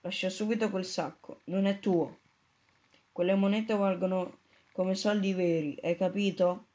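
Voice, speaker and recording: Reader voicing an anxious boy hero, urgent and pleading, mid-pitched. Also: fairly even intonation, unhurried, a little mellow, lightly acted.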